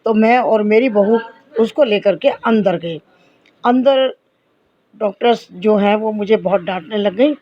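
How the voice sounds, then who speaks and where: A woman's voice: mid-range voice, a little slow, no room sound, highs cut off. Earnest middle-aged woman telling a testimony. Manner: earnest, addresses listeners as companions, reenacts dialogue. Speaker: devotional storyteller. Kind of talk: personal testimony storytelling.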